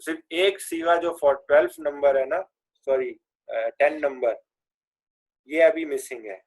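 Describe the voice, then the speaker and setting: A man teaching Arabic verb forms with a slightly high voice, chanting the conjugations and having the class repeat after him. His explanations are full of English grammar terms, delivered as a classroom drill. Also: a little mellow. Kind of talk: classroom lesson with recitation drills.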